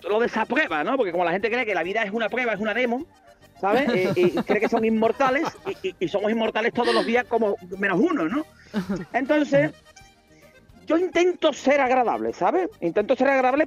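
A man performing a rapid comic monologue on radio, ranting and peppering his lines with tag questions, heard over a remote line. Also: extremely high pitch. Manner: rapid joking rant, constant tag questions. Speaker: comedian guest. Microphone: remote line into the studio.

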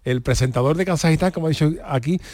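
A man's voice: a little high, fast talker, darkish tone, no room sound. Man, Andalusian accent, radio host, casual studio chat, storytelling, clipped words. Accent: Andalusian Spanish. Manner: chatty storyteller, shortens words.

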